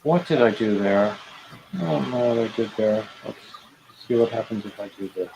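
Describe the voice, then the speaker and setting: A man's voice: lowish voice, expressive, moderate pace, vocal fry, dull audio, background noise. A man in his fifties hosting a casual knitting livestream, hesitant and self-deprecating, with dry jokes and many restarts. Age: 50s. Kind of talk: casual chat while knitting.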